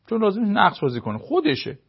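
A man's voice: high-pitched, wildly swooping pitch, gravelly, husky, muffled recording. A man giving advice on a talk show, explaining his points with everyday examples and short acted-out dialogues.

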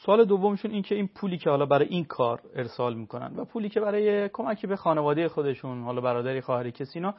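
A man's voice: fairly high pitch, expressive. Man hosting call-in radio, lo-fi. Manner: measured, relays questions, brief affirmations. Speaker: radio host relaying callers' questions. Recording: dull lo-fi radio broadcast.

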